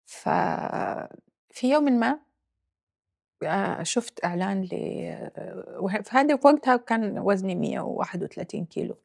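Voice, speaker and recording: A woman in her forties from Libya, speaking with a Libyan accent as an interview guest, reflective and halting, mixing English phrases into her speech. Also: medium pitch, lively intonation, gravelly, a little mellow. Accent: Libyan Arabic. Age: 40s. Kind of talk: personal interview.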